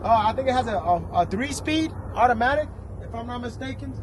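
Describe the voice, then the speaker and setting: A man's voice: extremely high pitch, expressive, brisk, noisy background. A man hosting a casual car vlog at an outdoor auction lot, talking enthusiastically straight to his viewers.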